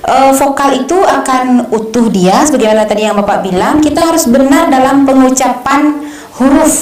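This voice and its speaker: A high-pitched young woman explains speech technique in a halting, filler-heavy way. Her voice rings in an echoey room. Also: a little mellow. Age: young adult. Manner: hesitant, many fillers, explains with examples. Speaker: speech contest coach. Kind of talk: conversational lesson.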